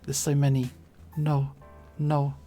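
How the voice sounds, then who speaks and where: Slow and monotone, the voice is medium-pitched with a dark tone, set against soft background music. It belongs to a streamer from southern England with a southeast English accent who chats playfully while drawing, enunciating carefully, pronouncing T's, and frequently chuckling.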